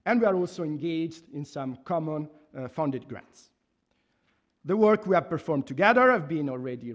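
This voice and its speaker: An Italian professor in his thirties, his voice on the high side and his accent Italian, reads a formal laudation from notes in a university hall. He stands at a lectern with a stand microphone and speaks earnestly and measuredly, with restarts and emphatic pauses.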